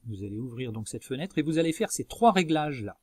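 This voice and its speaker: A man presenting a software tutorial as a screencast voice-over, explaining methodically step by step. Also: medium pitch, sing-song, fast, breathy edge, no room sound, clean studio sound. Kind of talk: instructional screencast narration.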